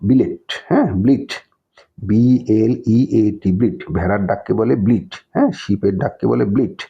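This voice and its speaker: A man's voice: on the low side, warm tone, slightly rough. A male teacher patiently explaining a primary school textbook, spelling words letter by letter and checking in after nearly every phrase. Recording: dull lo-fi recording.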